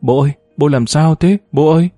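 A man's voice: fairly high pitch, brisk, warm tone, no room sound, faint music behind, voice pushed up, lightly acted. Man doing a crying little child. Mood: sobbing. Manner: crying, pleading. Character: tearful frightened six-year-old child.

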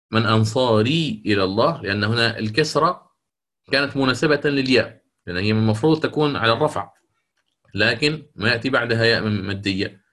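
A man's voice: medium pitch, a bit bright. A man teaching Quran recitation rules in a lecture, explaining step by step, asking his students questions and chanting the verses he quotes.

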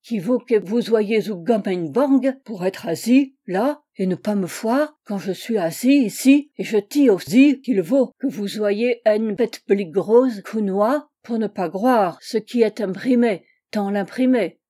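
A woman's voice: medium pitch, a little slow, few pauses, natural voice. Woman playing the Angel of the Odd, blustering German-accented male spirit. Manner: slurred mangled consonants, loud and blustering.

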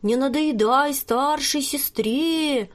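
A woman voicing a young girl who pretends to be a solemn fortune teller, speaking slowly and mysteriously. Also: high voice, voice pushed up. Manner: slow, drawn-out, mysterious.

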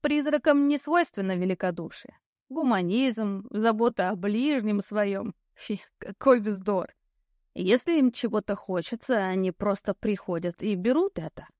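A woman reading an audiobook, voicing a sly, languid old woman ghost who tells fortunes and smokes cigars, with a slow, mocking drawl. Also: mid-range voice, a little mellow, no room sound, studio quality, lightly acted. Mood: ominous. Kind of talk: audiobook character voice.

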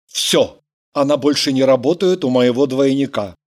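A woman voicing a young man, a jealous and earnest lover, with terse, gruff short replies. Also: rumbling low, moderate pace, darkish tone, pitched below the performer's own voice.

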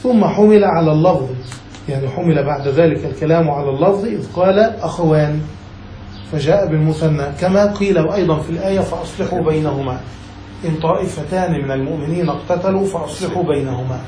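A man's voice: on the high side, fast talker, mellow, reverberant, slight background noise, rough recording. A man, a sheikh, teaching a classical grammar text, reading a passage and then explaining it, often checking whether his students follow.

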